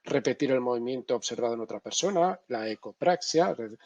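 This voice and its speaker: Man, middle-aged, husky voice, animated lecture, dry close sound. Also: medium pitch, a little fast, no room sound, lo-fi sound. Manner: animated, emphatic, tag questions. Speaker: neuropsychology lecturer. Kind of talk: lively masterclass lecture.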